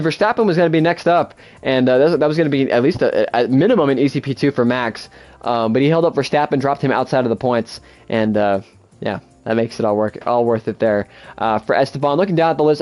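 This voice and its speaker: A young man doing casual gameplay commentary on a racing management game, excitable and swearing freely. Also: mid-range voice. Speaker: gaming YouTuber.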